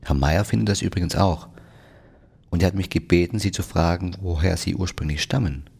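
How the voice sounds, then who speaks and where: Smarmy polite train passenger guy, narrator doing the voice, low gravelly voice, all flowery compliments. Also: brisk, full character voice. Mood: flattering. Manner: flowery, flattering. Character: fawning, overly polite middle-aged male passenger.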